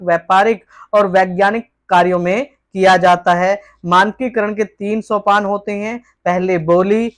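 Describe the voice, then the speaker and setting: Woman tutor reading out exam answers. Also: medium pitch. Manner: poses each question aloud, then reads out a formal, textbook-style answer. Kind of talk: exam-prep lesson.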